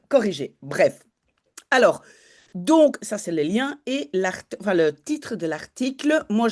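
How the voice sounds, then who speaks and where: A woman teaching Dutch, talking learners through a news article in a chatty way, with many fillers and self-corrections. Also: on the high side.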